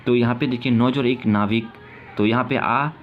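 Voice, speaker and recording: A man's voice: medium pitch, steady tone, normal speed, soft background music. A male teacher giving a grammar lesson, repeating his points and asking questions that he answers himself. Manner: repetitive, asks questions and answers them himself. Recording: dull lo-fi sound with faint ambient noise.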